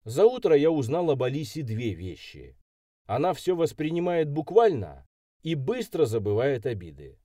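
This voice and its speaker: A man's voice: fairly high pitch, very animated, normal speed, mellow, dry recording, studio quality. A man reading a first-person story aloud as an audiobook narrator.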